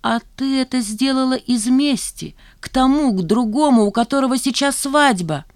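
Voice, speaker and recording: A woman's voice: sits high, moderate pace, dry recording, studio quality, voice pushed up. A woman reading an audiobook, voicing a mild, patient young man.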